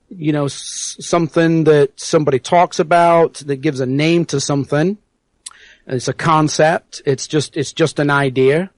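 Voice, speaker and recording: Guesting on an internet radio show, this South Yorkshire man talks with sincerity, frequently repeating words while searching for them. He has a high-leaning voice and an English accent with some American mixed in that's hard to pin down, recorded with no room sound.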